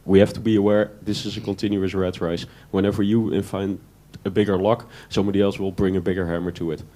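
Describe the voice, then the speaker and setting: A man with a lowish, dark, mellow voice speaks up from the floor at a conference. He talks off the cuff, stumbling and repeating words as he builds his points. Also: little pitch movement, quick pace. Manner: frequent repetitions and restarts. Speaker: conference participant. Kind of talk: spontaneous floor remark. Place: conference room.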